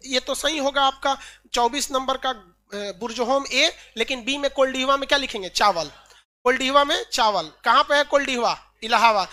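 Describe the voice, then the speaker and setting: A woman's voice: high voice, sharp tone. A woman teacher running an exam-prep lesson, quizzing students with repeated questions and joking asides.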